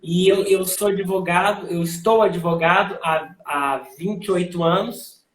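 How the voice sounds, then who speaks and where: A man speaks as a guest on a video call. His voice is high for a man and comes slowly, with a measured, reflective manner. The room around him sounds roomy and echoey. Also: steady tone, fairly bright tone. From raised in Minas Gerais, Brazil. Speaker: lawyer and guest. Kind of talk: live online interview.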